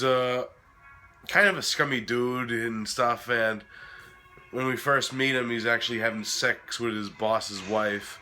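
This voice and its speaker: A man hosting a casual film review while sick, his voice cracking, talking in a halting, informal, sweary way. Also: lowish voice, pushed and bright. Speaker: host of a horror film review series.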